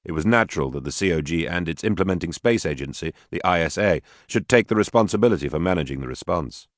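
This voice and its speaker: A man narrating an audiobook in a steady, even reading voice. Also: low-pitched, quick pace, dry recording, studio quality. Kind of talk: scripted narration.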